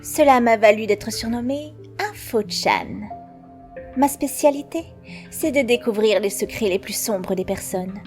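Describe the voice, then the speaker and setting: A woman voicing a sly, composed teenage schoolgirl informant in a French anime fan dub, speaking in a knowing, measured way. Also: a little high, a little mellow, faint music behind, lightly acted. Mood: smug, mysterious.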